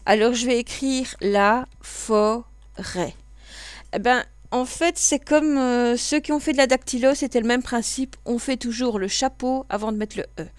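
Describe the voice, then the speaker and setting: A woman with a Belgian French accent, calmly walking learners through keyboard use step by step in a computer class tutorial. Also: on the high side, a little slow, clear, resonant tone, no echo. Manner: patient step-by-step explaining, with frequent fillers. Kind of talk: screen-recorded tutorial.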